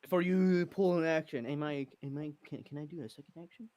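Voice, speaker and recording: A man playing a tabletop game in casual chat, thinking out loud and second-guessing himself. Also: fairly high pitch, brisk, dry recording. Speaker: player in an online tabletop battle.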